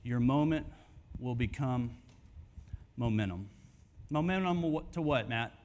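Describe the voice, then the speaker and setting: A man preaching a sermon at a men's conference in a church hall, emphatic and swinging from hushed to near-shouting. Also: mid-range voice, lively intonation, unhurried.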